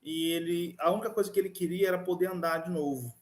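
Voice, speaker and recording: A man's voice: high-pitched, steady tone, quick pace. A man teaching an online class, talking conversationally with frequent restarts. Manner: conversational, many fillers and restarts. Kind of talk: online class lecture with a personal story.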